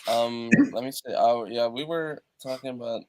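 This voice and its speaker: Speaking over a video call from his treated home studio, a man from Europe appears as a musician guest in an interview. He has a mid-range voice and talks haltingly, full of fillers and restarts, while crowd noise can be heard.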